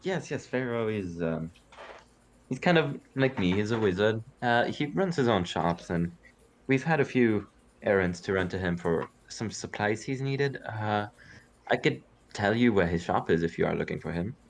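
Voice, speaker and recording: A man's voice: lowish voice, animated, moderate pace, slight background noise. A man voicing a cheery, fussy male halfling wizard who runs a magic shop, stammering eagerly. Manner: eager, stammering, repeats words.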